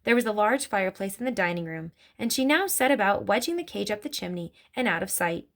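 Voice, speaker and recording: Expressive woman reading a storybook. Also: medium pitch, brisk. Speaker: narrator. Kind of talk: storybook read-aloud.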